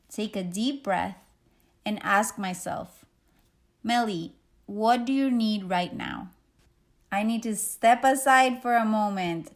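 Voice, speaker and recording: A woman in her thirties, a yoga and meditation teacher, speaking in a slow, gentle, reflective way as she guides a meditation. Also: on the high side. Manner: slow, gentle, reflective delivery with guiding pauses.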